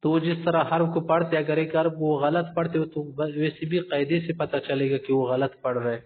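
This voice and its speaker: A man teaching Quran recitation rules, explaining patiently and slowly singing out example verses. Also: fairly high pitch, flat delivery, slight background noise. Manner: demonstrates recitation slowly, drawn out and sung; addresses listeners as respected gentlemen, explanatory. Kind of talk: tajweed lesson. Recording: tinny phone-like recording.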